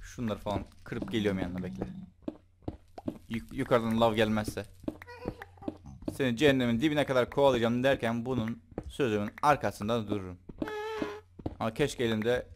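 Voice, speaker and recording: Man, gameplay commentator, casual and jokey, loud outbursts, noisy home recording. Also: mid-range voice, moderate pace, pauses often. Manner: chatty, jokey, bursts into excited yelling. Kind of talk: let's play commentary.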